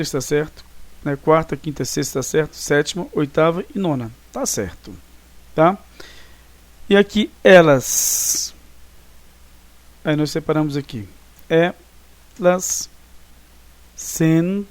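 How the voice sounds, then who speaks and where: A teacher from Brazil giving a recorded lesson, explaining patiently and stopping often to check that students follow. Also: male voice, on the high side, dry recording. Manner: explanatory, checks understanding with frequent tag questions; counts syllables slowly and deliberately.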